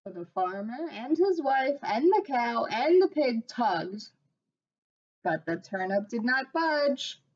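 The dull, lo-fi sound comes from a desk webcam in a small room at home, where a thirtysomething teacher gives a storybook read-aloud. She reads slowly and with expression, in a voice pitched a little high.

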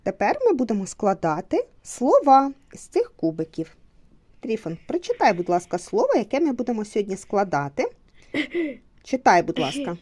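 A woman's voice: mid-range voice, very animated, moderate pace, a little mellow. A young woman, a mother, patiently teaching her child at home and explaining to viewers, encouraging him and repeating short instructions.

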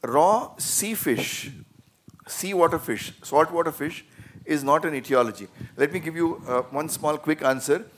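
A man's voice: on the high side, unhurried, slight background noise. A man, a surgeon speaking on a panel in an auditorium. He explains earnestly into a handheld mic, with sudden emphatic bursts. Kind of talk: panel discussion answering questions. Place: large auditorium stage. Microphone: handheld microphone.

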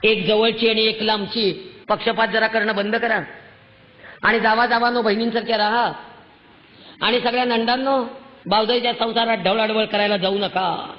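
A woman giving an impassioned public lecture to women, scolding and exhorting them and rising to near shouts. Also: fairly high pitch, steady tone, normal speed. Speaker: public speaker addressing women. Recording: echoey hall, muffled sound.

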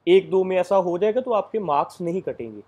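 Male tutor, casual lecture, mellow fairly high voice, halting explanations. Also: lively intonation. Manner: explains step by step, many fillers. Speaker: exam coaching teacher.

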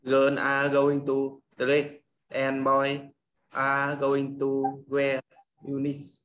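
A man's voice: medium pitch, completely flat delivery, drawn-out words, fairly bright tone, slight background noise. A young man practising an English dialogue, reading hesitantly with short replies.

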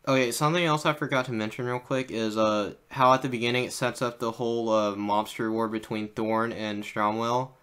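Smooth-voiced young male podcast host. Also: medium pitch, fairly quick, hardly any pauses. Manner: relaxed, filler-heavy, leads the grading. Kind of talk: casual chat.

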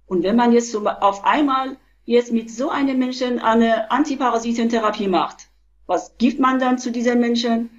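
A woman in her fifties, originally from Iran, explains things step by step, full of hesitations and restarts. Her voice sits a bit high. It comes through a webcam with a dull, muffled sound. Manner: halting, many fillers and restarts. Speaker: physician, interview guest. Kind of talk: explanatory video-call interview. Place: small room at home. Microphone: webcam on a video call.

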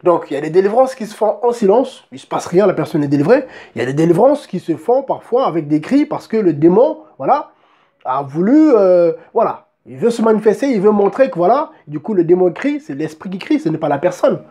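Male preacher, high-pitched, emphatic sermon, reads scripture, repeats and restarts words. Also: big pitch swings, a little fast, mellow, husky. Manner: emphatic, keeps asking the listeners "voyez?". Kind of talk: sermon with Bible reading.

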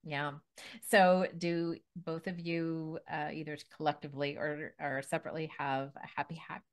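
A woman hosting a relaxed podcast conversation. Her voice sits a little low, and she talks in a bubbly, chatty way. She laughs easily and often restarts her sentences. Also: moderate pace. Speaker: podcast host. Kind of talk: casual interview chat.

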